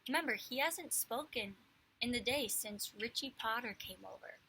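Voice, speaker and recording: A woman reading a chapter book aloud to children, pausing to explain words in a clear storytelling manner. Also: a little high, animated, sharp tone, slight background noise, poor audio.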